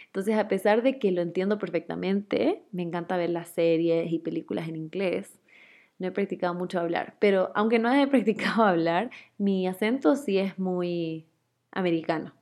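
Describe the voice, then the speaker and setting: Her voice sits lowish and a little mellow, at normal speed. She's a young host from Guayaquil, Ecuador, with that regional accent, casually fielding listener questions and often laughing or using fillers.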